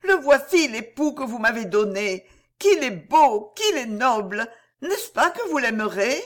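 Woman as fairy-tale princess: young, high, eager, lively. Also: unhurried, heavily acted. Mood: adoring. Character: young princess, adoring and devoted.

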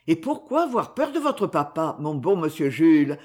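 A reader voicing a gentle, devout boy servant who soothes and reassures in an audiobook. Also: medium pitch, sing-song, moderate pace, close to an everyday voice. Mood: reassuring. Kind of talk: audiobook character reading.

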